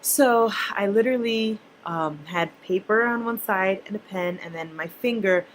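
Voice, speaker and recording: A young mother who vlogs about personal finance talks to camera about her spending, chatty, blunt and casual with her viewers. Her voice is mid-range at a moderate pace, on a low-quality recording with slight background noise.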